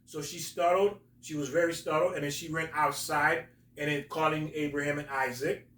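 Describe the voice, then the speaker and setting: A man hosting a talk, explaining religious stories in a halting, emphatic storytelling way. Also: fairly high pitch, level tone, fairly bright tone, slight background noise. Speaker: host, religious teacher. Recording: roomy echo, distant from mic.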